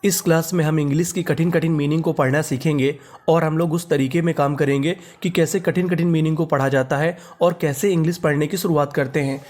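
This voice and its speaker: Guy teaching english words, spells them out, keeps asking what do we read, kinda high voice. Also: fairly even intonation, a little fast, darkish tone. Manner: repeats each word and asks "what do we read?".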